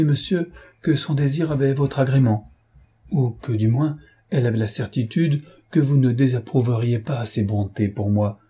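A man reading the part of a timid, nearsighted young man who speaks softly and hesitantly but with quiet dignity, in a mellow, slightly husky voice. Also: mid-range voice. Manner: soft, hesitant and trembling, yet dignified.

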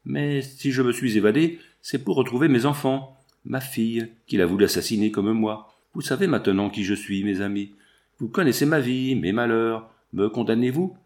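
A man's voice: mid-range voice, normal speed, darkish tone, natural voice. A man voicing a wronged woman who pleads her case with passion in a read-aloud novel. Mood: impassioned. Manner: impassioned, pleading. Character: desperate wronged woman, defiant mother.

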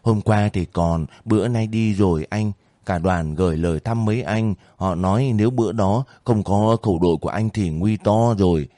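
A man reading the lines of a gentle, earnest young female volunteer in his own low voice. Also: normal speed, no room sound, clean studio sound, natural voice.

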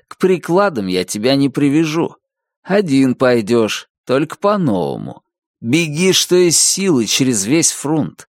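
Brief: man playing a sadistic officer, syrupy and sanctimonious, lively swings in pitch, dry close mic. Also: no echo. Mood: sly. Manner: mock-gentle, sanctimonious. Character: sly, cruel male officer feigning kindness.

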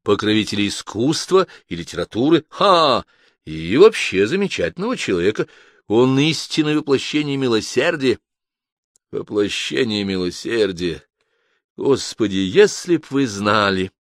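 A man's voice: on the low side, big pitch swings, normal speed, no room sound, studio quality. A man reading an audiobook, voicing a proud young Englishman who speaks in clipped, telegraphic phrases with an almost commanding tone. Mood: scornful.

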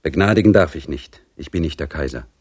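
A man's voice: very deep voice, expressive, fairly quick, darkish tone, slightly rough, full character voice. A man voicing a stern older general who dismisses a plea with cold authority. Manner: brusque, dismissive.

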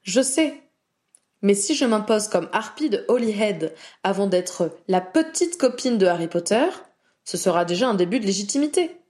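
A woman's voice: mid-range voice, lively intonation, normal speed, a little mellow, lightly acted. A woman voicing a proud, anxious young witch who talks in an earnest, pleading way.

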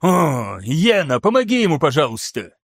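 A man reading an excitable showy scholar. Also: fairly high pitch, moderate pace, no echo, clean studio sound, lightly acted. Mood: exasperated, urgent. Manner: animated, insistent, showy. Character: excitable theatrical male scholar, lecturing.

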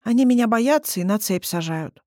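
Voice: mid-range voice, expressive, normal speed, dark tone, no room sound, clean studio sound, pitched above the performer's own voice, natural voice. A reader voicing a timid, sleepy young female cat creature with a meek, slightly nasal manner. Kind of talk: audiobook character reading.

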